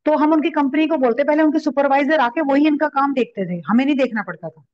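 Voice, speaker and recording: High quick woman on dull audio. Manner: earnest, explains at length. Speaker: participant. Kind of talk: casual discussion. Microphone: online call.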